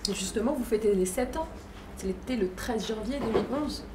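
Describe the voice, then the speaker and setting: A female journalist asking follow-up questions in a brisk, friendly way. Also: fairly high pitch, heavy background noise. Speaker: journalist, co-interviewer. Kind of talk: interview questions.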